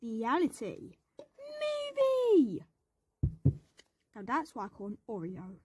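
A woman's voice: medium pitch, animated, normal speed, noisy background. A woman narrating a playful game vlog, adding silly sound effects and baby talk. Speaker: game vlogger.

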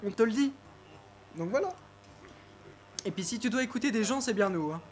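A woman's voice: on the high side, expressive, moderate pace. A woman hosting a live stream, chatting casually in a playful, teasing way and laughing often. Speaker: streamer host. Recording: faint background noise.

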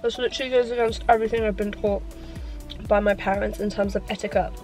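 A woman's voice: mid-range voice, steady tone, fast talker, darkish tone, soft background music. A woman, chatting casually while eating in a mukbang Q&A, filling her talk with "like" and sometimes speaking with her mouth full. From London, England. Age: 20s. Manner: chatty, leans on "like" constantly. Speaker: YouTuber.

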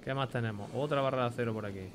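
A man's voice: mid-range voice, rapid-fire, background noise. Young guy from spain doing let's play commentary, chatty, swears a lot, reads out loot names. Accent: Spain Spanish. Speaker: gameplay commentator.

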